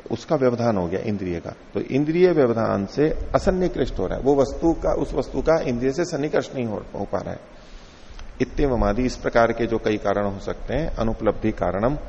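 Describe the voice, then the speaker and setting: A man teaching a classical philosophy text in a lecture hall, reciting verses slowly and then explaining them with rhetorical questions. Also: medium pitch, vocal fry, a little mellow, a little hiss or hum. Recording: dull lo-fi recording with long hall reverb.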